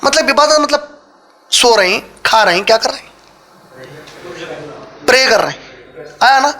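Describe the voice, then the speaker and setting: A man teaching a live religious class, firing quick questions at his listeners and mixing English words into his talk. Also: extremely high pitch, expressive, sharp tone. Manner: quizzes the audience with quick questions. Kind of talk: interactive Quran lesson lecture. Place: lecture hall with a live audience.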